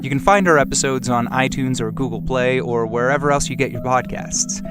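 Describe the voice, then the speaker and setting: A man hosting his own podcast, reading a scripted narration in a measured, reflective way. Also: mid-range voice. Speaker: podcast host and producer. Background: music bed.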